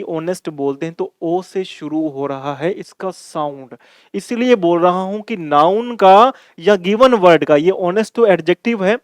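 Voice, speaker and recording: A man gives a grammar lesson with a fairly high, smooth and resonant voice. He talks to his viewers as his dear children and repeats each point for emphasis. The recording is dry and close to the mic. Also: no echo. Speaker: English grammar teacher. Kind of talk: classroom-style grammar lesson.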